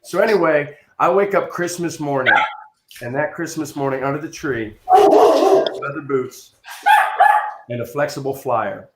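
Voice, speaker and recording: A man telling a funny childhood story in a casual chat, animated and building to loud punchlines. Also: a little high, normal speed, roomy sound, very noisy. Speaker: improv comedian telling a story. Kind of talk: casual storytelling on a video call.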